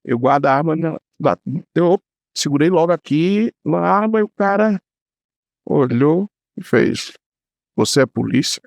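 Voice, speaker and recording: A man who works as a police commissioner, telling a story casually on a podcast in an animated, slangy way. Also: a little high, measured pace, gravelly, dry recording, studio quality.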